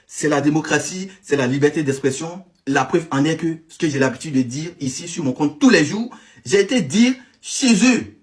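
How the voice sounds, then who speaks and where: Animated man commentating, slightly high voice. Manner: animated, stammering, repeats himself. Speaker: online commentator. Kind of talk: casual commentary video.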